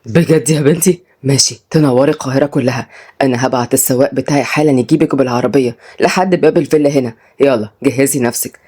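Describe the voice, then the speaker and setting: A woman's voice: a bass voice, quick pace, dark tone, pitched below the performer's own voice. A woman voicing a commanding older father who is a judge, with an Egyptian Arabic accent. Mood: pleased. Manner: commanding, gruff.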